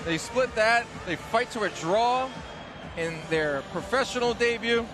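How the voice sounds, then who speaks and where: High-pitched male boxing play-by-play host. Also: lively intonation, measured pace, music in the background. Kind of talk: live boxing broadcast commentary.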